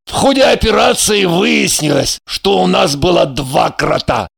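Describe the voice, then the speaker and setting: A man playing a gruff, irritable secret agent in an audiobook, brusque and barking. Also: sits high, big pitch swings, a little slow, fairly bright tone, no room sound, heavily acted. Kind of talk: audiobook character reading.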